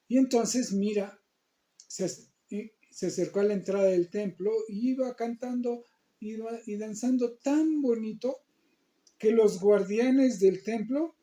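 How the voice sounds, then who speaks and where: A man telling a story in a gentle, unhurried, explaining manner. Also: very high voice. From Mexico. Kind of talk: storytelling to a listener.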